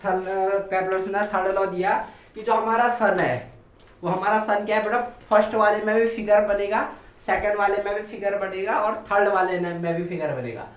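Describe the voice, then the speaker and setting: A male physics teacher lectures, calling students "beta", asking and answering his own questions, and dictating notes slowly word by word. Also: sits high, steady tone. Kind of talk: classroom lecture. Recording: echoey, distant, dull sound.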